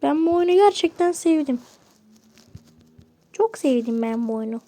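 A woman's voice: sits high, lively intonation, a little slow, dark tone. A woman giving casual commentary while playing a game, chatting and muttering to herself with frustrated outbursts. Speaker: gamer.

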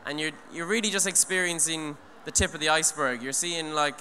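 A young Irish man speaks on stage at an eco event, holding a handheld mic in a large hall. His voice is a little high, fairly quick, bright, and forceful as he gives an earnest, rambling talk full of restarts and "you know". The recording carries a long hall reverb and faint noise.

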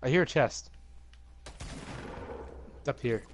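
A man's voice: mid-range voice, expressive, slow, a little hiss or hum. A young man playing a game with a friend, chatting casually with dry, matter-of-fact teasing. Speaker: gamer. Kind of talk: casual gaming chat.

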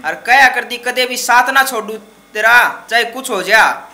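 On a small dark indoor open-mic stage, speaking into a stand mic placed close in front, a Haryanvi-accented man in his twenties from Haryana, India performs shayari with dramatic emphasis. His voice is extremely high, bright and forceful, at a measured pace.

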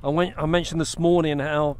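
With a slightly high, clear, resonant voice, this middle-aged English fishing vlogger speaks fairly fast and flatly from his kayak on open water. He explains his fishing step by step to a kayak-mounted action camera, chatting casually and often restarting phrases.

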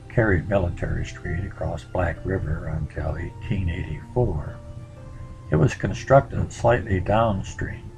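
A man presenting a local history slideshow in a relaxed, conversational way, pausing often on fillers. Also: low voice, rough recording.

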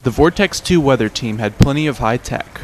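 A man's voice: medium pitch, expressive, moderate pace, background noise. A man reading scripted narration for a news feature.

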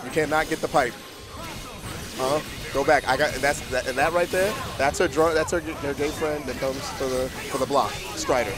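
A man giving casual, excited fighting game announcer commentary in a playful, slangy way, full of short interjections. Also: mid-range voice, fairly quick, few pauses. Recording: game music under the voice. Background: video game music and effects.

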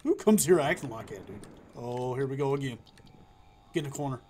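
A man's voice: mid-range voice, animated, fairly quick, background noise. A man streaming a horror game, chatting jumpily and teasing the characters he meets, with the odd swear. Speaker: gaming streamer. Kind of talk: let's play commentary.

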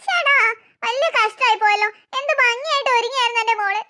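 A woman voicing a fussing, coaxing middle-aged mother in a cartoon story, gently scolding her daughter. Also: very high voice, quick pace.

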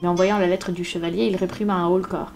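A woman reading a novel aloud in a steady storybook narration, with small slips here and there. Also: fairly low pitch, fast talker, faint music behind. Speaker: reader.

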